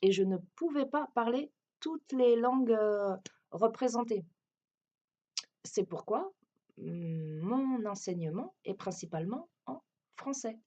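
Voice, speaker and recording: A woman's voice: fairly high pitch, lively intonation, takes it slowly, dark tone, lo-fi sound. A French woman who teaches French gives a hesitant, explanatory self-introduction with a French accent, often restarting her sentences. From France.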